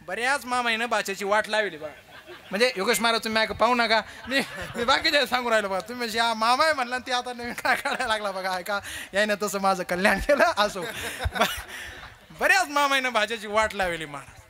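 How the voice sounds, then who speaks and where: A young man preaching a kirtan with a Marathi accent, telling stories and acting out the characters' voices for a live audience. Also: very high-pitched. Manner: animated, acts out characters' voices, jokes with audience. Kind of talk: kirtan sermon with storytelling.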